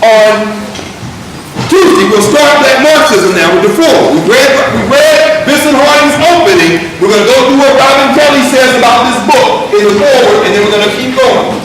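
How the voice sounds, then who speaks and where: A man teaching a university class, reading from a text and breaking into animated, emphatic asides. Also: extremely high pitch, normal speed, far from the mic, noisy background. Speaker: university lecturer. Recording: echoey lecture room recorded from afar.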